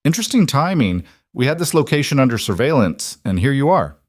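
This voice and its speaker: A man's voice: medium pitch, big pitch swings, a little fast, no echo, studio quality, pitched above the performer's own voice. A man voicing a corrupt male federal agent in an audiobook, speaking in a stiff, officious way. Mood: stern.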